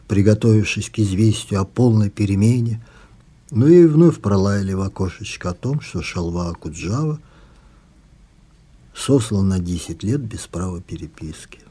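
A man, the author, reading a passage from his own novel in a soft, measured way, after answering interview questions. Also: fairly low pitch, breathy edge.

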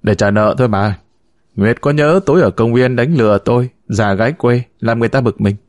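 A man's voice: mid-range voice, a little fast, a little mellow, no room sound, clean studio sound, close to an everyday voice. A man doing a sly, joking grown man. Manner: jokey, teasing.

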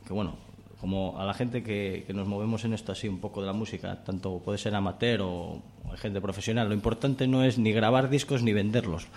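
A man speaks in a somewhat low voice on a studio radio mic. He talks eagerly and at length as a festival organizer guest, restarting his sentences often. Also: steady tone, a little fast, hardly any pauses, darkish tone, a little hiss or hum. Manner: chatty, enthusiastic, many restarts. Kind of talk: radio interview chat.

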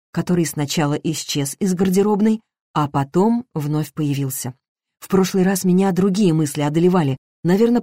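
A woman narrating a first-person story in a measured, reflective way. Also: on the low side, dark tone, dry recording, studio quality. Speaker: audiobook narrator.

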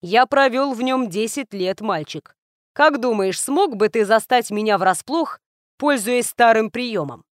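A woman reads the ruler's bodyguard as a man of icy calm. He speaks evenly and without feeling, sure of his power. Dry, close audiobook sound. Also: on the high side, unhurried, no echo. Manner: calm, indifferent. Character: calm, cold male royal bodyguard.

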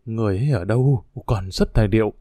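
A man's voice: on the low side, fast, dark tone, dry recording, clean studio sound, lightly acted. A man voicing a worried, proper older aunt in a storybook reading. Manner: anxious, fretful questioning.

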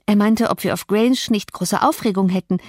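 A woman voicing a thoughtless young housemaid who babbles excitedly. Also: normal speed, dry recording, studio quality, natural voice. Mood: breathless. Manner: excited, high-pitched babbling.

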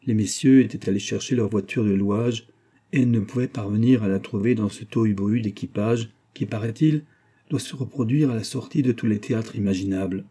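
A man reading a classic novel aloud in a measured, even storytelling manner. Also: on the low side, husky. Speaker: audiobook narrator. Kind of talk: scripted narration of a classic novel.

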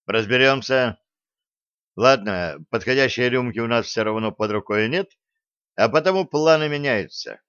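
A brash, bold space captain , as a male reader voices him, pushing his lines with lively, decisive energy. The voice sits a touch above the reader's own, dry and a little muffled. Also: medium pitch, moderate pace, clean tone, no echo, lightly acted. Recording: dull lo-fi dry recording.

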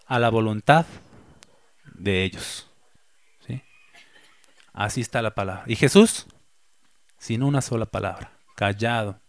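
A man preaching a sermon as a pastor. He reads scripture aloud and slowly repeats the key phrases for emphasis. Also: medium pitch, no echo.

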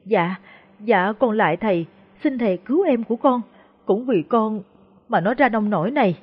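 A woman's voice: on the high side, expressive, moderate pace, breathy edge. A woman voicing a frightened, humble peasant woman who stammers deferentially. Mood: anxious pleading. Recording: dull lo-fi recording.

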